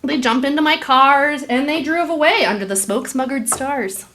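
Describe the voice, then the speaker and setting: A woman's voice: high voice, moderate pace, a bit bright, slight background noise. A woman voicing the Once-ler, a greedy, defensive businessman telling his story in theatrical, emphatic rhyme for a children's puppet show. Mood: rueful.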